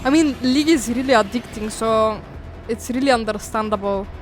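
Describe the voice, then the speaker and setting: A woman's voice: fairly high pitch, moderate pace, faint music behind. A young woman streaming a game, chatting casually with a friend, playful and swearing a lot. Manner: swearing, playful, bursts of laughter and screams. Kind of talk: casual gaming chat.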